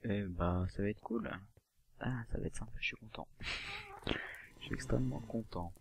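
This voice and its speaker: A man giving casual gameplay commentary, talking quietly and often half-whispering because it is late at night. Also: fairly low pitch, expressive, fairly quick, vocal fry, background noise. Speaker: let's play gamer.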